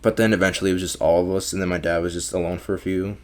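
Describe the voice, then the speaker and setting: A man's voice: low-pitched, little pitch movement, racing, a little mellow. A young man from Mexico, a podcast guest talking casually, swearing often and filling with "like". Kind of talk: casual conversation.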